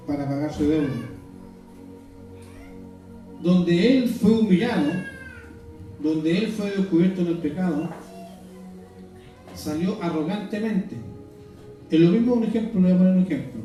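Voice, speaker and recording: A man preaching an earnest sermon in a church hall, reading scripture and explaining it with frequent halting restarts. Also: high-pitched, mellow. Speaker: evangelist preacher. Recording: echoey hall mic from far off, faint music.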